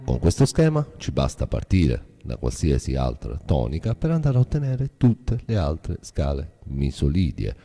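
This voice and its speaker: A man's voice: a bass voice, huge pitch swings, moderate pace, vocal fry, few pauses, mellow, long reverb tail. A man teaching music theory as a guitar teacher, explaining step by step in a patient, methodical way.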